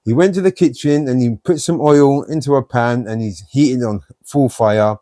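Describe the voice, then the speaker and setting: A man's voice: medium pitch, moderate pace, mellow, no room sound, studio quality. A man telling blunt, streetwise stories from his own life in an interview. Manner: blunt, streetwise storytelling with many "you know"s. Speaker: guest.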